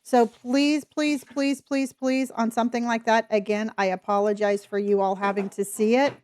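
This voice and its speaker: A woman's voice: fairly high pitch, level tone, normal speed, a little mellow. A woman live streamer chatting casually with her viewers while gaming, with a speech impediment on her R sounds. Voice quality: speech impediment, cannot pronounce R's. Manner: chatty, addresses viewers as honey.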